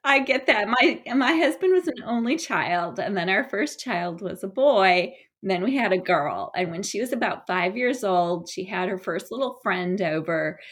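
A woman's voice: mid-range voice, expressive, normal speed, hardly any pauses, breathy edge. A woman hosting a conversational interview, engaged and sharing her own memories with her guest. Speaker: host.

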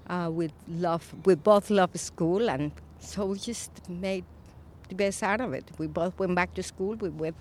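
A Colombian-born woman in her fifties, an Episcopal priest, speaking thoughtfully in a recorded interview, with frequent pauses and fillers. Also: fairly low pitch, a little hiss or hum. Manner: reflective, soft-spoken with frequent pauses and fillers.

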